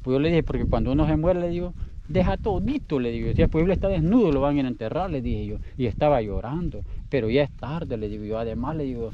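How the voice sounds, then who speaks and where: A man's voice: medium pitch, lively intonation, fast, lo-fi sound, noisy background. A Salvadoran man telling a story in casual, rambling speech, often repeating himself. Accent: Salvadoran Spanish. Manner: chatty, rambling, repeats his words. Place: outdoors in the countryside.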